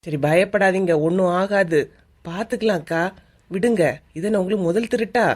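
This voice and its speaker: A woman with a Kanyakumari Tamil accent voicing a young village woman who calmly teases and reassures her scared companion. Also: mid-range voice, normal speed, natural voice. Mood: teasing. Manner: calm, sly, teasing.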